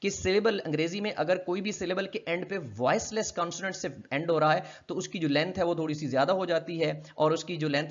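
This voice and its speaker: Man, phonetics lecture, a bit higher pitch, draws out sample sounds slowly, dull muffled audio. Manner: explanatory, asks and answers his own questions, demonstrates sounds slowly. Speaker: linguistics lecturer. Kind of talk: explaining a textbook chapter in a recorded lecture.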